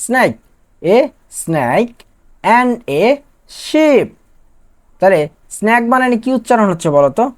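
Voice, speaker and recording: A woman's voice: a little high, measured pace, pauses often. A young woman from Bangladesh teaching an online class, asking questions and answering them herself. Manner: lively, asks and answers own questions.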